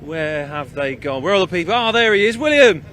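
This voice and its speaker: A man's voice: high voice, expressive, fairly quick, a bit bright, a little hiss or hum. A man interviewing drivers outdoors at a race circuit after the race, chatty and teasing. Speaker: pit lane reporter.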